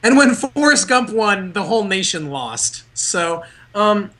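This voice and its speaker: A man's voice: high voice, big pitch swings, measured pace, pushed and bright, slight background noise. A man co-hosting a podcast, chatting casually with dry, joking asides. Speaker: podcast co-host. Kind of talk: casual chat.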